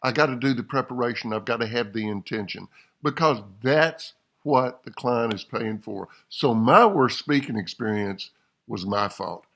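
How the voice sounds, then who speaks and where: Male speaker, earnest confessional talk, fry in the voice, upbeat close. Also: mid-range voice, lively intonation, normal speed, a bit bright. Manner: earnest, candid, upbeat sign-off. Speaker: professional speaker. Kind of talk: reflective talk to camera.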